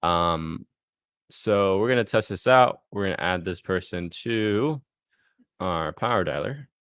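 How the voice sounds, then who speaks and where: A man casually walking through a software demo on a live screen share, thinking aloud as he clicks and punctuating steps with "boom". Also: animated, unhurried, smooth, no room sound, clean studio sound.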